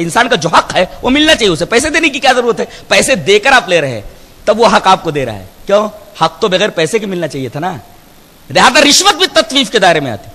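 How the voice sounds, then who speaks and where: A man's voice: high voice, pushed and bright. A man, an Islamic scholar, gives an emphatic sermon-style Quran commentary, asking rhetorical questions and chanting Arabic verses. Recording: long hall reverb.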